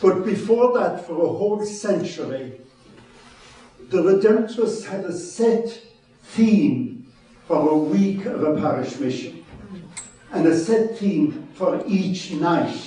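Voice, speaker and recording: A man's voice: high voice, animated, slow, warm tone. A man in his seventies with a West of Ireland accent, giving an informal talk as a wry, self-deprecating storyteller and preacher. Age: 70s. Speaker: retired mission priest, guest speaker. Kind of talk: informal public talk with anecdotes. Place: large echoey room before an audience. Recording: echoey hall, distant microphone.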